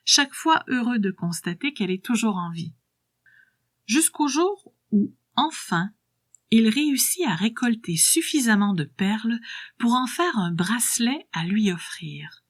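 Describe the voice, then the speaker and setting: A woman narrating a scripted story in a soft, hushed voice that slips into whispering. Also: mid-range voice, dry recording, clean studio sound.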